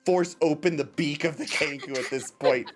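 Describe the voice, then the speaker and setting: A man narrating a tabletop game as game master, improvising in a halting way with repeated phrases. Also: fairly high pitch, background noise.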